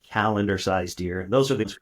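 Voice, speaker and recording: A middle-aged man from South Texas speaks as a podcast guest. His voice sits very low. He tells his stories in a loose, rambling way, full of fillers and restarts. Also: moderate pace. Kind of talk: casual storytelling interview.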